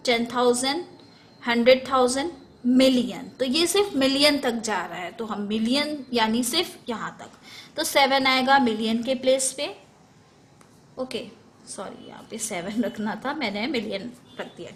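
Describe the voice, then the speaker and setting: A woman teaches a school math lesson in a slow, deliberate way, stopping to correct herself as she goes. Her voice sits a little high. A faint hiss of noise runs under the recording. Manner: slow, step-by-step, self-correcting, mixes English number words.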